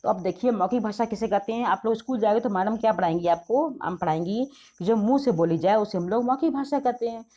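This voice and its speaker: A woman's voice: medium pitch, fast, warm tone, muffled recording. A middle-aged woman teacher explaining grammar to schoolchildren, patient and affectionate. She repeats the key points and often calls her pupils "beta".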